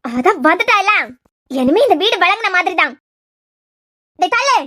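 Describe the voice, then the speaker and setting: A woman with a Kanyakumari Tamil accent voicing a quick-tempered mother who scolds loudly in a cartoon series. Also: extremely high pitch, sing-song, exaggerated voice. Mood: scolding. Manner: loud, sharp, scolding. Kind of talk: cartoon web series dialogue.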